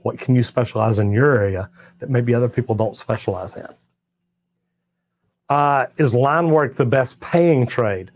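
An older Texas master plumber talks at a moderate pace in a mid-range voice while hosting a casual livestream. He answers chat questions in a folksy, plainspoken way, a drawling storyteller with a Texan accent. His set is a studio with tool and merch shelves, and he wears a clip-on lapel mic.

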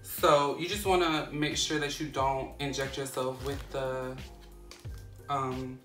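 A woman's voice: extremely low pitch, steady tone, slow, a bit bright, roomy sound, far from the mic, soft background music. A young woman vlogging a casual how-to, chatty and rambling, full of fillers and restarts. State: out of breath.

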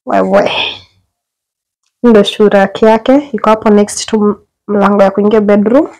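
A young Kenyan woman gives a casual house tour of her small indoor apartment, filming on a phone she holds as she walks. Her medium-pitched voice moves at a measured pace, chatty and full of lively exclamations, blending English with Swahili slang. The audio quality is poor.

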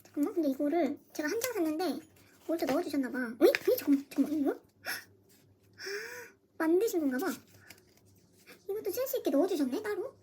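A young woman vlogging an unboxing at home, gushing excitedly with gasps and squeals. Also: extremely high pitch, fairly quick, long pauses, a little hiss or hum. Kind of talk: casual unboxing chat. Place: home room, dim lighting.

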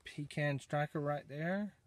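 A man's voice: a little high, a little slow. A man co-hosting off camera, casually chatting about outdoor gear and prompting a child, recorded on a handheld phone in a small hunting blind. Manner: prompting a child with leading questions. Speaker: off-camera interviewer and co-host.

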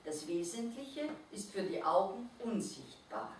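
A woman's voice: medium pitch, expressive, a little slow, slight background noise, lightly acted. Woman playing a cocky, cool Christ child. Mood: breezy. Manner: confident, breezy. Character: self-assured cool Christ child, like a young man. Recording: echoey room from far off.

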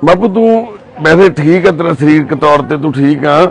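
A man's voice: a little high, lively intonation, moderate pace, gravelly, low-quality recording. A man working as a social worker, interviewing people on a roadside with probing and consoling questions. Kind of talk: on-the-spot interview.

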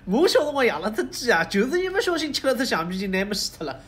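Excitable young sitcom friend played by a woman, Shanghai accent, high and lively, comic dub delivery, slight background noise. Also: fast talker. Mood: animated storytelling.

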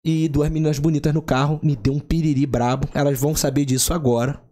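A young man tells stories in a casual podcast chat. His voice sits a little high, and he slips into the voices of the people in his stories. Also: fast talker. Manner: animated storyteller, acts out quoted voices. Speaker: podcast guest, sertanejo singer. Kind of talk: casual storytelling.

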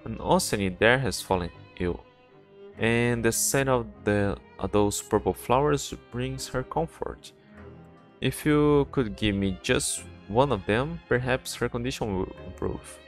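A man's voice: mid-range voice, measured pace, close to an everyday voice. A man reading the lines of a polite fairy-tale witch pleading for help, with faint game music behind.

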